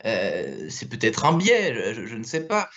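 Brief: French male host running a video interview, mid pitch, halting delivery, muffled audio. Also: huge pitch swings, fairly bright tone. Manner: hesitant, stacks fillers and repeated words.

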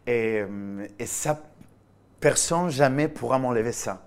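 A Spanish man in his thirties speaking French with a Spanish accent, answering interview questions as a guest actor, animated and restarting phrases. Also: medium pitch, measured pace. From Spain.

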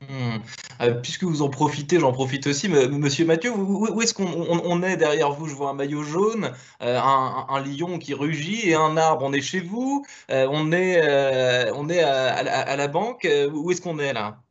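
A man's voice: on the high side, expressive, moderate pace, dull audio. A man hosting a business interview over a video call, asking questions with many hesitations and restarts. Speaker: interviewer, show host.

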